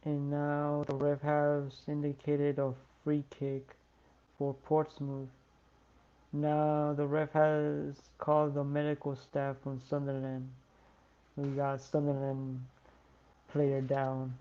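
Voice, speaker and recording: Tired fan commentator for a live stream, slow and flat, muffled audio. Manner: tired, yawning, slow and low-key. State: sleepy. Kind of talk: live watch-along commentary.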